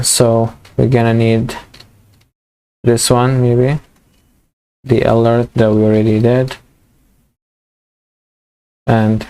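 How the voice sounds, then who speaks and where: Halting man teaching code, voice going. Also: mid-range voice, darkish tone, clean tone. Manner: halting, many fillers and restarts. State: losing his voice. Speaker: programming tutor. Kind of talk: screen-recorded coding tutorial.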